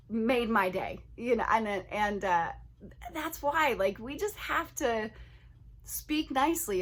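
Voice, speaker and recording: A woman's voice: on the high side, a bit bright. A woman in her forties, a third grade teacher, talking earnestly and chattily to camera in a casual vlog, often repeating herself for emphasis.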